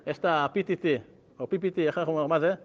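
High-voiced man teaching a religious class. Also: steady tone, dull audio, a little hiss or hum. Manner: conversational, asks the class questions and tells anecdotes. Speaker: Torah teacher.

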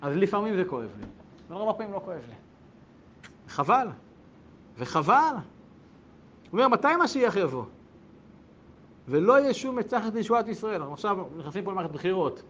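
A man teaching a religious lesson to a group, firing rhetorical questions and swinging between hushed asides and loud bursts. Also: sits high, big pitch swings, long pauses, muffled recording, slight background noise. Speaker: rabbi teaching a class.

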